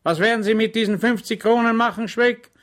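A man reading aloud, voicing a strict, excitable army lieutenant who gives loud commands. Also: high voice, a little fast, voice pushed up. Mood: stern, commanding.

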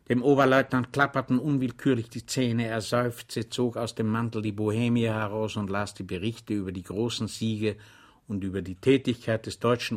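A man reading an audiobook, narrating in a measured storytelling manner. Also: on the low side. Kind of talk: scripted narration.

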